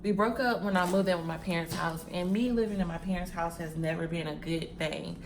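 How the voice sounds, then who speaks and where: Packing wigs as she talks, a woman in her twenties vlogs casually to her viewers in a lowish voice at a fairly quick pace. She repeats phrases and addresses them as "y'all" and "sis," and there's background noise.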